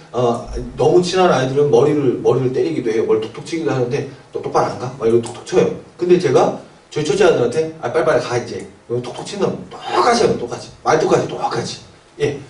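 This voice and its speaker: A man's voice: mid-range voice, darkish tone. A man giving a seminar lecture to academy owners, often asking the audience questions and answering them himself. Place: lecture room. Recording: echoey room, mic at a distance.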